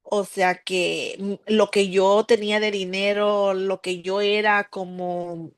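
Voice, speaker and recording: A woman's voice: medium pitch, little pitch movement, slow pace, clean tone. Middle-aged woman, heartfelt personal testimony with repetitions. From Mexico. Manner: earnest storytelling, repeats words. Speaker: testimony speaker.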